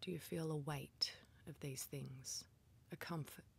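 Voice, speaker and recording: Guiding a meditation, this woman speaks low and soft, her whispery voice full of breath, offering gentle, calm directions and leaving pauses between them.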